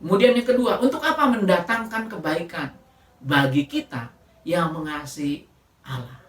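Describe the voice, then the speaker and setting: A woman preacher giving a sermon, telling a story in an animated way and often addressing the congregation directly. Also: on the low side, moderate pace, roomy sound, far from the mic. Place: church.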